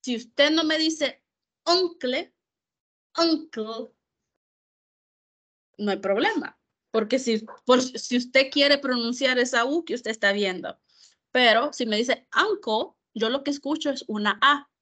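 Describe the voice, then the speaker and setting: A woman teaching English in an online class, explaining slowly in Spanish and repeating English words to model how they sound. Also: sits high, a bit bright. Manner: slow, careful, repeats words to model pronunciation.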